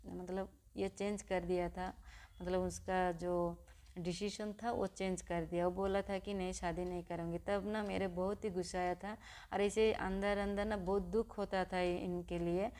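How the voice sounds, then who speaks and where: A young woman vlogger telling her own story to viewers in a halting, personal way, with frequent restarts. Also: on the low side, little pitch movement, darkish tone.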